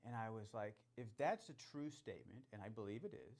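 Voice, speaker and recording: A man's voice: on the low side, expressive, fairly quick, creaky, a little mellow. A man hosting a charity year-end celebration, giving an enthusiastic, conversational welcome and faith talk with repeated phrases.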